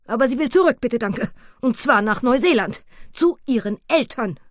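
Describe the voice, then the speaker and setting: A woman's voice: fairly high pitch, animated, normal speed, no room sound, studio quality, voice pushed up, natural voice. A woman voicing a prim, polite noblewoman. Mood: earnest. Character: prim, polite female lady of rank.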